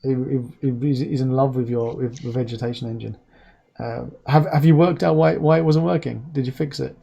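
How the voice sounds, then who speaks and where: A man's voice: mid-range voice, fairly even intonation, fairly quick, gravelly, mellow, lo-fi sound. A man in his forties who pronounces his r's as w's, hosting a casual live stream in a chatty, rambling, anecdotal way. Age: 40s. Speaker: host.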